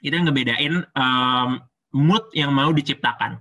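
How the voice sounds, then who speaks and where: Bright-voiced man teaching public speaking. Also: mid-range voice, measured pace. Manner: chatty, explains step by step with frequent fillers. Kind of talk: casual explanatory lesson.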